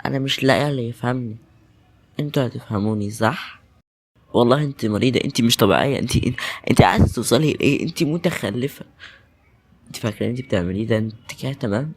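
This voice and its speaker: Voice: mid-range voice, quick pace. A voice actor with an Egyptian Arabic accent, performing an audio drama with tense, emotional delivery.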